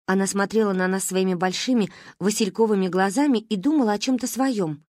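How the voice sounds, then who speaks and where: A woman reading a children's story aloud in a lively, expressive way. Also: medium pitch, fairly quick, no echo, clean studio sound. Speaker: audiobook reader. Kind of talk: storybook narration.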